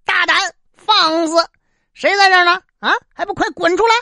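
A woman's voice: wildly swooping pitch, fairly bright tone, husky, no echo, studio quality, exaggerated voice. A woman putting on a bossy teasing old emperor. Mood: scolding. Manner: bossy, high and quick when scolding. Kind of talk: traditional storytelling.

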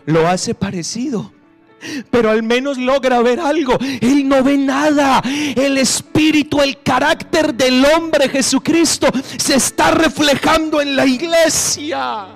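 A man, drawing his words out slowly. He drops to hushed, low phrases and then climbs to shouted, soaring peaks. Soft music plays faintly behind him. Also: creaky. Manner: swings between hushed, slow phrases and shouted high bursts. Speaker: pastor. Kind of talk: sermon.

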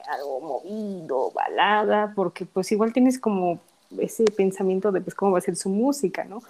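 A woman's voice: mid-range voice, mellow. A young woman, chatting casually as a podcast co-host, gushing and giggling as a fan. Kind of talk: casual chat.

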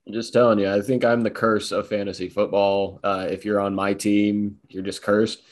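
Casting note: male co-host, lowish voice, loose rambling football chat. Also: little pitch movement, moderate pace. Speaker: podcast co-host. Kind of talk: casual sports talk.

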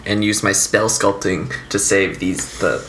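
A man's voice: sits low, steady tone, a little slow. A man chatting casually as a player in a tabletop game. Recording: clear background noise.

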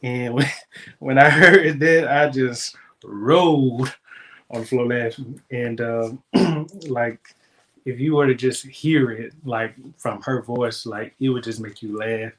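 Male devotional host, casual and encouraging, mid-pitched voice. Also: fairly even intonation, slow, fairly bright tone. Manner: upbeat, encouraging, loose and conversational.

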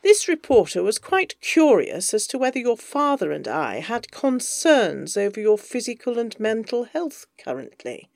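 A woman reading as a cold, proper mother who reproaches her son in a raised, clipped voice. The tone is formal and chilly, with a gravelly edge, and the recording is dry and close. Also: fairly high pitch, big pitch swings, moderate pace, hardly any pauses, a little mellow, dry recording. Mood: reproachful. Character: prim, cold, disapproving middle-aged mother.

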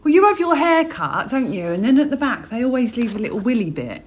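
A woman's voice: fairly high pitch, big pitch swings, brisk. A young woman co-hosting a casual chat with her mother, teasing and dramatic, often laughing. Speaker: podcast co-host, daughter.

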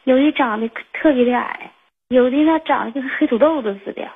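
A woman in her 20s calls in over a tinny phone line, her voice sitting high, a little fast, with a breathy edge. She rambles through a personal story full of fillers and restarts.

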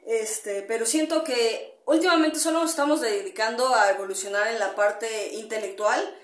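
A woman's voice: on the high side, moderate pace, echoey room. A woman hosting a casual solo podcast, rambling with many fillers and tag questions and greeting listeners as she goes. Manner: greets listeners mid-talk. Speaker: podcast host.

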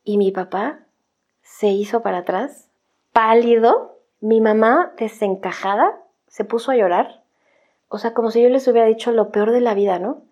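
A woman's voice: a little high, normal speed, a little mellow, highs cut off. A woman with a Mexican accent telling her personal life story in a candid, conversational way, often adding little tag questions. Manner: candid and conversational, with frequent "o sea" and "¿no?" tags.

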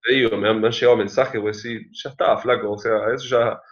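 Low-voiced Argentine man, lo-fi sound. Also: steady tone. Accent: Argentine Spanish. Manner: reflective, measured explanations with fillers. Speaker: guest. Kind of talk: casual conversation. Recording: dull lo-fi sound.

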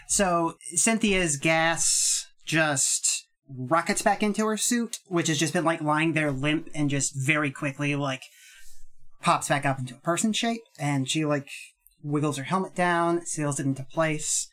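Woman, tabletop player, low-pitched, halting, self-deprecating. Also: a bit bright. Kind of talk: casual tabletop role-play.

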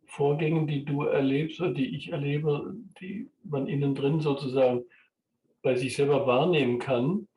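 A man hosting a podcast in a reflective conversation, speaking in a measured, hesitant way with filler sounds. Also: fairly high pitch, fairly even intonation, dark tone. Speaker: podcast host. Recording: roomy, distant mic, faint background noise.

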